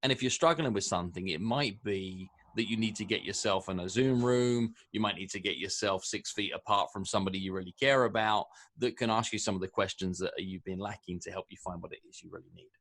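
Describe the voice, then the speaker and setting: A man with a fairly low voice hosts an interview over a remote call. He speaks in a measured way and builds long, winding questions. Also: fairly bright tone. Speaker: podcast host. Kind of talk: interview host.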